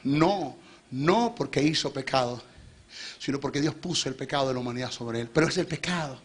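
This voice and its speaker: A middle-aged Venezuelan man preaching a sermon in church, emphatic and rising to loud peaks, asking the congregation questions. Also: mid-range voice, brisk, husky. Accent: Venezuelan Spanish.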